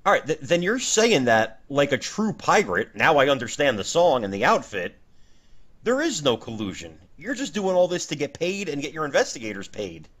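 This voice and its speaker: A man's voice: a little high, very animated, moderate pace, fairly bright tone. A man hosting a comedy sketch, talking in an emphatic, mock-indignant way. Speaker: comedy show host.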